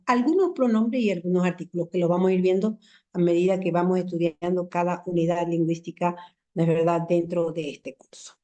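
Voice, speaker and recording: A woman's voice: lowish voice, mellow. Patient woman lecturing an online class. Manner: patient, repeats examples slowly and asks rhetorical questions. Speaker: university language lecturer. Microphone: computer mic in a video call.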